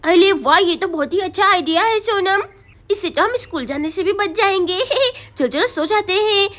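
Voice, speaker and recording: A woman's voice: very high-pitched, animated, moderate pace, fairly bright tone. A woman voicing a sleepy, easygoing schoolgirl who goes along with her friend's plan. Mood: drowsy.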